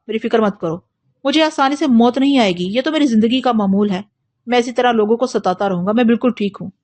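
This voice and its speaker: A woman reading an audiobook, voicing a tired young man who quietly brushes off concern for himself. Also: on the high side, lightly acted. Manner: tired, deflecting, subdued. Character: weary, withdrawn young man.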